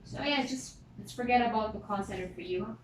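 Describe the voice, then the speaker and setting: A woman's voice: mid-range voice, brisk, slight background noise. Chatty Filipino woman interviewer in an echoey room. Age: 30s. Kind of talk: casual job interview chat.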